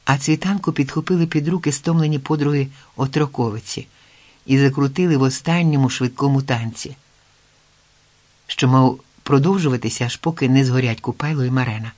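A man reading a historical folk tale aloud in a measured, expressive storytelling manner. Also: mid-range voice. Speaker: audiobook narrator. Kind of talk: scripted narration.

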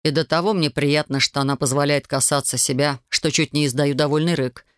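A man narrating a first-person audiobook in an earnest, measured and intimate way, recorded close to a studio microphone. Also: on the high side, steady tone, a bit bright, clear, resonant tone, no room sound.

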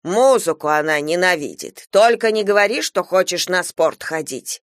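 A woman's voice: lowish voice, moderate pace, no echo, close to an everyday voice. A stern old grandmother who scolds in weighty, reproachful phrases, voiced by a woman narrator. It is a storybook reading with a dry, close sound. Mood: scolding.

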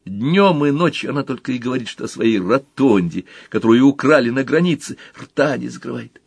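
A man narrating a story as an audiobook, animated and switching between character voices. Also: mid-range voice, fairly quick, gravelly, slightly rough, no room sound. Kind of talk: audiobook reading.

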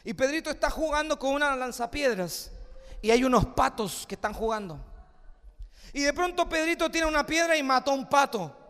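High pitched guy preaching, big hall echo, drops to a hush then shouts, does the story voices. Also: lively intonation, fairly quick. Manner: acts out story voices, swings from soft to shouting. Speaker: pastor. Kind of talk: sermon with storytelling.

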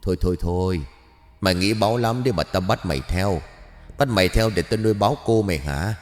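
A man voicing a grumpy, crude old male ghost who scolds and pries, in a gruff manner in a spoken horror-comedy story. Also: sits low, brisk, big-room sound, close to an everyday voice. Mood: scolding.

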